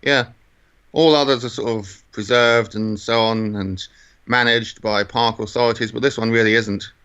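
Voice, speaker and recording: A British man co-hosts a casual podcast, describing things conversationally. His voice is bright and crisp at a middle pitch, though the recording is a little dull and lo-fi. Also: steady tone, moderate pace. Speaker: podcast co-host. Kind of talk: casual chat describing a walk.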